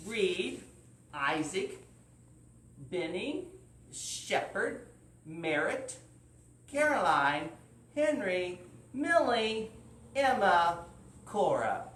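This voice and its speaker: A library storyteller hosts a live children's story time, speaking informally and stretching out words for young listeners. His high, fairly bright voice swings widely in pitch and moves very slowly with long pauses, captured by a distant mic in a roomy space with faint noise.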